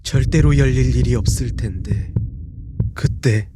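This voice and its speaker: A man narrating a first-person horror story in a scripted style, dropping to a hushed, low voice at tense moments. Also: a little slow, very noisy.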